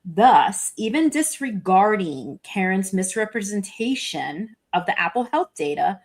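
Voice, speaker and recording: A woman co-hosting a casual panel chat, talking through a legal filing with pauses and restarts. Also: medium pitch, big pitch swings. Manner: halting, walks through the document with fillers and restarts. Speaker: podcast co-host reading a legal filing.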